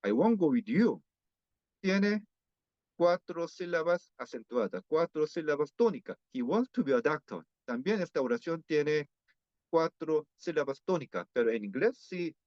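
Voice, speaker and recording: Man, Korean accent, slow careful lecture, slightly high voice, dry muffled audio. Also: animated, darkish tone, no room sound. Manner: slow, careful, with restarts and repeated examples. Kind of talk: academic lecture on pronunciation.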